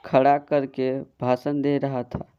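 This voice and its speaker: A man's voice: mid-range voice, level tone, takes it slowly, clean tone, muffled recording, close to an everyday voice. A man voicing a female school teacher who reports a pupil in a matter-of-fact, complaining way.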